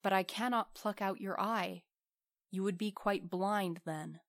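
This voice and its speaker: A woman's voice: mid-range voice, steady tone, unhurried, lightly acted. A woman plays a little male swallow from a storybook. He is devoted and kind-hearted, speaking with earnest tenderness. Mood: gentle, sad. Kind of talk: storybook character voice.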